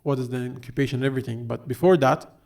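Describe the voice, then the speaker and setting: Man, podcast host, gravelly voice, casual chatty interview, lots of fillers. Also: mid-range voice, steady tone, very fast, darkish tone. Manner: loose, chatty, with many fillers and restarts.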